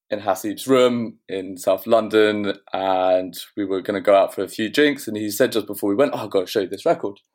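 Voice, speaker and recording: A man with a fairly low voice talks as a guest in a casual interview. He tells his story loosely, doubling back on his words and filling gaps with "you know" and "um". He sounds like a record label owner talking about his music. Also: a little mellow. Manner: rambling, many restarts and fillers.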